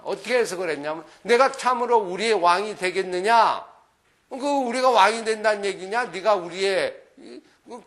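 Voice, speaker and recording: Lively middle-aged man preaching to children. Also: high voice. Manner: lively, asks the listeners questions, often adds "그죠?". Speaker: pastor teaching children. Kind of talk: sermon lesson to children.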